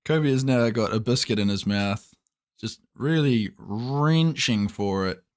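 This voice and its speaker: A man co-hosting a casual podcast, joking in a dry, deadpan way. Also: medium pitch, a little slow. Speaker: podcast co-host. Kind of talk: casual chat.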